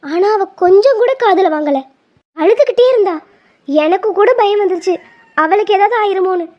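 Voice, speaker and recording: A woman's voice: very high voice, moderate pace, lo-fi sound. A woman voicing a blunt young female friend who scolds in a cartoon. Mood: chiding. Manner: chiding, blunt.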